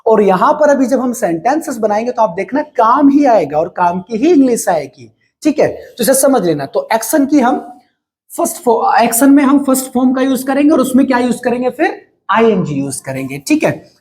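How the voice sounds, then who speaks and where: Lively man teaching grammar. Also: very high voice, normal speed. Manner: asks questions and answers them himself; informal, addresses viewers as brother. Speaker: English teacher. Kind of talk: grammar lesson for learners.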